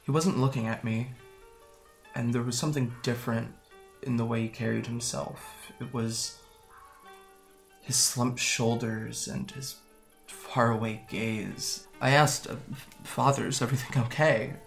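An actor playing a guarded young man from Japan, quietly recounting how he fled home in an audio drama. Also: medium pitch, fairly even intonation, vocal fry, soft background music. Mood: somber. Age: young adult. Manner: soft, hesitant storytelling with halting restarts. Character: young man, guarded and wry, recalling his escape. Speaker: interviewee.

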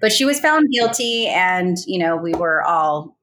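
A woman's voice: on the low side, lively intonation, unhurried, a bit bright, a little hiss or hum. A woman recounting a real crime in a casual interview, hesitant with many fillers and restarts. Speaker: guest recounting a colleague's murder.

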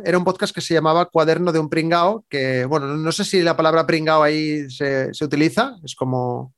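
A man with a Spain Spanish accent, a podcaster guest chatting casually in an interview, with many fillers and restarts. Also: on the high side.

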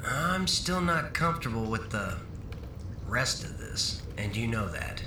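A man's voice: medium pitch, big pitch swings, measured pace. Man playing a reluctant doctor, echoey room. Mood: uneasy. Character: reluctant, cautious male doctor. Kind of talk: scripted audio drama acting. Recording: echoey, distant, clearly noisy ambience.

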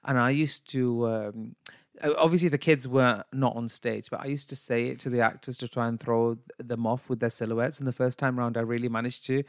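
A man's voice: mid-range voice, fairly even intonation, a little fast, no echo. Young man, camp podcast co-host telling stories, dry close sound. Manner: chatty storyteller, playful and camp. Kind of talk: casual chat.

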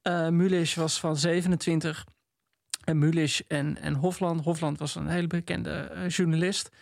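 A man's voice: fairly high pitch, little pitch movement, normal speed, gravelly, no room sound, studio quality. A man co-hosting a book chat, thinking aloud reflectively with many hesitations. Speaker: podcast co-host. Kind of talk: casual literary chat.

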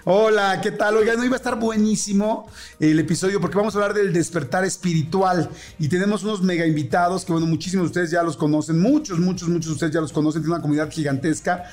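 A Mexican man co-hosting a podcast, explaining things in a relaxed, friendly, conversational way. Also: high voice, fast, soft background music. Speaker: podcast co-host. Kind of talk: casual chat.

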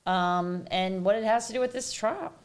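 A woman co-hosting a casual panel discussion, lively and steering the conversation. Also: mid-range voice, moderate pace. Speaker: co-host.

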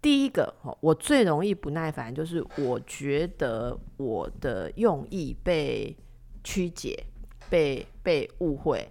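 Animated Taiwanese woman in her fifties. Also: low voice, slow pace. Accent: Taiwanese Mandarin. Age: 50s. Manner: lively storyteller who acts out quoted dialogue. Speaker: podcast co-host, doctor. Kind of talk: casual conversational podcast.

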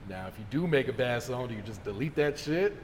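A man's voice: medium pitch, lively intonation, brisk. A man interviewing casually, with informal, slangy and affirming talk in an echoey room. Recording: reverberant room with faint noise.

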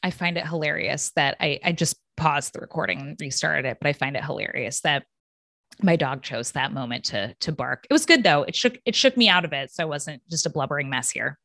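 A woman's voice: deep voice, brisk, gravelly, bright, forceful tone, no room sound, studio quality. A woman hosting her own podcast, talking passionately and emphatically, often checking in with her listeners with tag questions. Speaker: podcast host. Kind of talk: solo podcast monologue.

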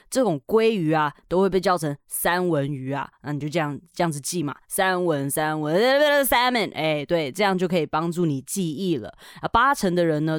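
A woman's voice: sits low, no room sound, studio quality. Upbeat woman teaching English. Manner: upbeat and chatty, often switching into English words. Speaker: English teacher and podcast host. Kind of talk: podcast vocabulary lesson.

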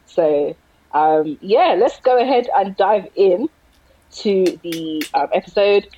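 Woman, late twenties, South London accent, casual podcast co-host, medium pitch, noisy remote recording. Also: lively intonation, slow pace, mellow, highs cut off. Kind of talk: casual chat. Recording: clear background noise on virtual call.

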